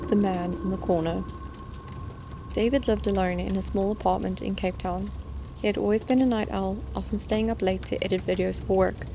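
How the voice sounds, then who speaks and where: A woman reads scripted horror stories in a measured, suspenseful storytelling manner. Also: mid-range voice, fairly even intonation, gravelly, noisy background. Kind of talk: scripted scary-story narration. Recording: music bed behind the voice.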